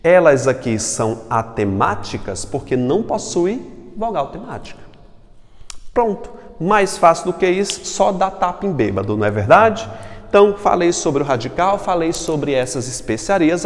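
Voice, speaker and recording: A man from Brazil, a Portuguese teacher, giving a recorded class, lively, asking and answering his own questions. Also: fairly high pitch, moderate pace, in a large hall.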